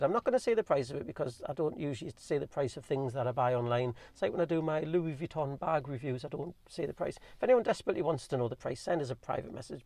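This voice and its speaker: A man with a Geordie accent rattling through a casual, rambling Q&A, talking fast with plenty of ums and restarts. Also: fairly high pitch, darkish tone, dry recording. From North East England. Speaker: vlogger reviewing his car. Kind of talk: casual chatty Q&A.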